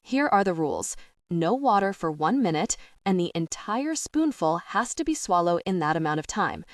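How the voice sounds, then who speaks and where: A woman voicing a playful, teasing young man who loves a dare, in a quick, teasing voice. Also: fairly low pitch, sing-song, no room sound, studio quality, recorded from a distance.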